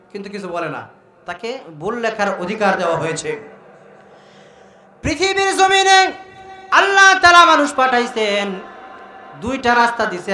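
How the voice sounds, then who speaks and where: A man's voice: sits high, bright, forceful tone. A male preacher with a Mymensingh Bengali accent giving a waz sermon, asking the crowd rhetorical questions. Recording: echoey hall with music.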